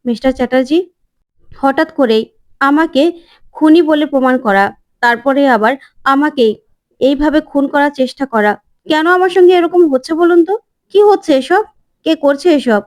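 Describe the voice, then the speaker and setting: A bewildered young wife, voiced by a woman narrator pleads that she has done nothing. Her questions ride high and keep rising. She is recorded dry and close. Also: normal speed, long pauses, no room sound, close to an everyday voice. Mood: bewildered pleading.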